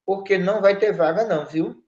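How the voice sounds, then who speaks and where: Brief: woman, spiritual counselor, scolding and emphatic, mid pitch, roomy dull recording. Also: fairly quick, a little mellow. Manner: scolding, emphatic, frequent tag questions. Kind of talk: spiritist study podcast talk.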